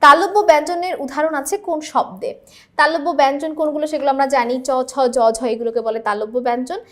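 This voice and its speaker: Woman tutor, high voice, patient step-by-step walk through exam answers, keeps asking if students follow. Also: quick pace. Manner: explanatory, often checks in with the students. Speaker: teacher. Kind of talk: exam-prep lesson, solving multiple-choice questions.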